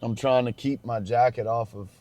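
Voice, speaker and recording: A man's voice: medium pitch, fairly even intonation, moderate pace, dark tone. Young adult male road-trip vlogger, drawl, easygoing chatter to camera while driving. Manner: chatty, addresses viewers as y'all. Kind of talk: casual road-trip vlog talk. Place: inside a moving truck.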